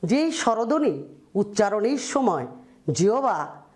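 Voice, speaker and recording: A woman's voice: mid-range voice, very animated, takes it slowly, darkish tone. A woman teaching a school class, who repeats key words and keeps checking that her students understand. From Bangladesh. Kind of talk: classroom lesson.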